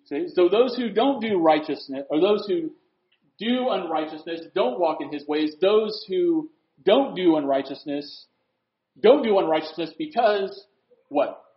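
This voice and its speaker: High-voiced preacher in an echoey room. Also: male voice, lively intonation, measured pace. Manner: conversational, asks rhetorical questions, swings between loud emphasis and quiet asides. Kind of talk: sermon. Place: room with a board. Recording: roomy, dull lo-fi recording.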